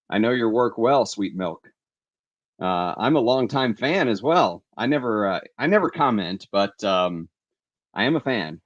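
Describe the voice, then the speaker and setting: Chatty low-voiced man on a headset. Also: dull audio. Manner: chatty and enthusiastic, reads viewer comments aloud. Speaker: fragrance livestream host. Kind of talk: casual livestream chat.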